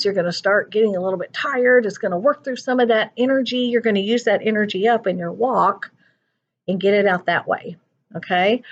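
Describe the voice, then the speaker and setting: Lady counselor talking to kids like a kids show host, explains stuff simply, checks in a lot, slightly muffled sound. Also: mid-range voice. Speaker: school counselor teaching a lesson. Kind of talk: kids show host style lesson for children. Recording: dull lo-fi sound.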